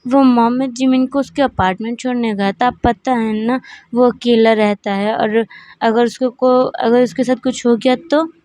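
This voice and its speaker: A woman's voice: fairly high pitch, fairly even intonation, moderate pace, a little mellow, no room sound, lightly acted. Woman reader voicing a worn-out young man, defensive and pleading, dry close sound. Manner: pleading, defensive, restless questions. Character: tired young man, worried and defensive son.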